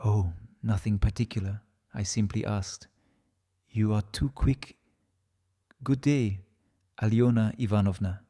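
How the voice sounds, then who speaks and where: A man's voice: on the low side, fairly even intonation, unhurried, pauses often, warm tone. A man with a Russian accent voicing an agitated, self-loathing, brooding man in an audiobook, in exclamatory, hesitant self-talk. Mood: uneasy, feigned casual.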